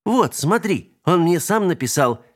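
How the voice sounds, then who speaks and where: Man doing a chattering excited little girl. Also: a little slow, exaggerated voice. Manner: breathless, bubbly, high squeals.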